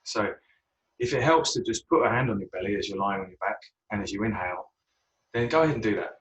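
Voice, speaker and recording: Low-voiced male yoga teacher, off-mic. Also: distant mic, highs cut off. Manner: relaxed, unhurried guidance with frequent ums. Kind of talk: guiding a yoga class.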